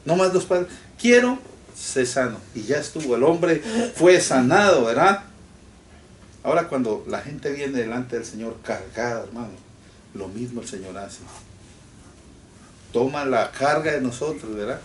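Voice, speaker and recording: Male preacher, animated sermon delivery, recorded from a distance in a reverberant church. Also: mid-range voice, normal speed. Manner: animated preaching, addresses listeners as brothers. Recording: echoey room from far off with faint noise.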